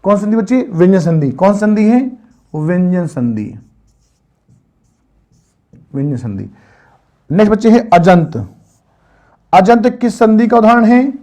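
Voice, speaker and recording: A man's voice: high-pitched, very animated, unhurried, pauses often, dark tone. A man teaching an online grammar lesson, patiently asking and answering questions for his students over and over. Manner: patient, repetitive quizzing of students.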